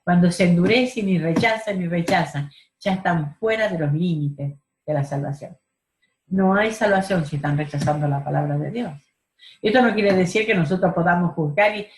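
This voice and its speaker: A woman's voice: lowish voice, echoey room. A woman teaching a Bible study class over a video call, earnest, stressing key words and asking rhetorical questions.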